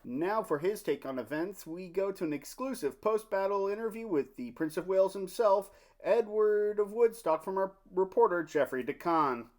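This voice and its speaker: A man's voice: high-pitched, expressive, moderate pace, a little mellow. A man playing a formal news anchor reading a scripted mock bulletin of medieval events. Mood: matter-of-fact.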